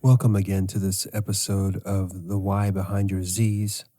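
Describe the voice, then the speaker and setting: A middle-aged man hosting a podcast as a sleep coach, speaking in a slow, measured way. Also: low-pitched, flat delivery, mellow, faint music behind. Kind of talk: scripted podcast monologue.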